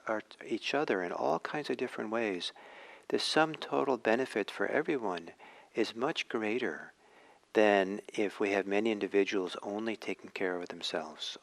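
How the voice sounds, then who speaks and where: A man from Norway, giving a reflective dharma talk with many pauses and restarts. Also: fairly low pitch, vocal fry. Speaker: meditation teacher.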